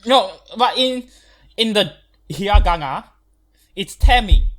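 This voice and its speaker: A man's voice: high voice, animated, slow pace, a bit bright. A man co-hosting a podcast, chatting casually, arguing back and swearing when flustered. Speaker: podcast co-host. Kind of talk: casual chat.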